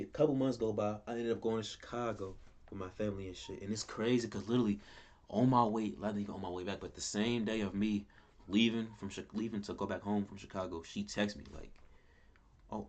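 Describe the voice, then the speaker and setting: A young man telling a rambling personal story in casual talk, repeating himself and cursing. His voice leaps higher and louder when he reacts. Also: steady tone, quick pace, highs cut off. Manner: pitch and loudness jump wildly when he quotes or reacts. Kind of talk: casual story time vlog. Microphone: camera mic at close range.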